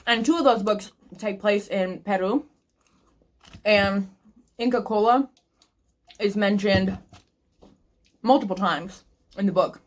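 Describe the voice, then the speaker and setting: A woman's voice: medium pitch, takes it slowly, long pauses. A woman book vlogger chatting casually to camera and thinking aloud with restarts, eating snacks between sentences. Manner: eating snacks while talking.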